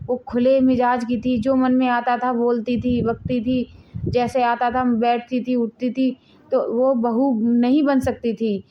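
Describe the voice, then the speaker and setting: Lady as a patient mom explaining things, highish voice. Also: muffled recording, natural voice. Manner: pleading, explaining. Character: patient middle-aged mother, gently lecturing.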